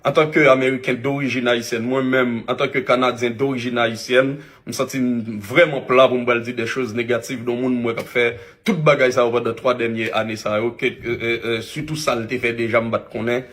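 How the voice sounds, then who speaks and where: A man with a Haitian accent, an influencer giving a halting public video apology with many restarts. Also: mid-range voice, little pitch movement, fairly bright tone.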